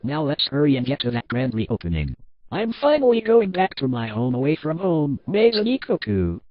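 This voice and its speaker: A man's voice: on the high side, wildly swooping pitch, moderate pace, no echo, dull audio. A man voicing a brash, streetwise man who talks in a hurry.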